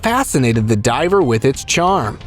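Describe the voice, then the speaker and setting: A man's voice: mid-range voice, sing-song, moderate pace, over music. A man reading scripted nature documentary narration for a video about strange creatures, as a voice-over.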